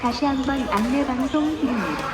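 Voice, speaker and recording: High-voiced woman announcing over a PA. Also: very noisy. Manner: polite, measured, repetitive phrasing. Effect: over a PA loudspeaker. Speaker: parking announcer. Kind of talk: formal public announcement. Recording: echoey PA loudspeaker announcement.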